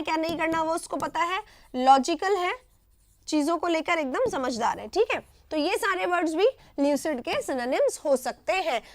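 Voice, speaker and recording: During a live online English class, an Indian-accented woman goes through vocabulary words, explaining each with short repeated phrases and often asking "right?". She has a high voice, and there's no room sound.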